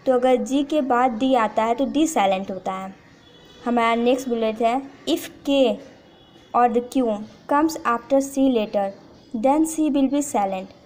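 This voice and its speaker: भारतीय लहजे वाली एक महिला शिक्षिका, जो धैर्य से नियम दोहराते हुए पाठ समझाती है और अंग्रेज़ी वाक्य धीरे-धीरे पढ़ती है।. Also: female voice, on the high side, darkish tone. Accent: Indian. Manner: repeats rules patiently, reads English lines slowly. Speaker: English teacher. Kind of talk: slow explanatory lesson.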